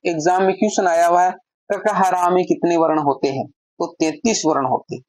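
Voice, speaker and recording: A woman's voice: fairly low pitch, fairly even intonation, fairly quick, a little mellow, no echo. A woman teaching a grammar lesson, explaining step by step and answering her own questions.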